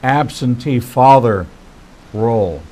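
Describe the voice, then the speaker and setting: Man in his 60s, slow deliberate pace, preacherly cadence, faith-based interview host. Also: medium pitch, animated, a little mellow, low-quality recording. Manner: measured, preacherly phrasing.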